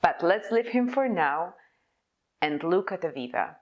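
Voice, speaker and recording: A young Polish woman gives a prepared conference presentation in English about her own type design, measured and deliberate as though reading from notes. Her voice sits a little low but swings widely in pitch, and the audio sounds dull.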